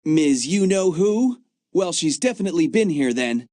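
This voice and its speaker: A man's voice: on the high side, expressive, normal speed, darkish tone, no room sound, clean studio sound, close to an everyday voice. A man voicing an upbeat young field agent in a video game, chatty and fond of jokes about gadgets and the cold. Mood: eager. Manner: chatty, jokey, enthusiastic. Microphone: dry studio mic.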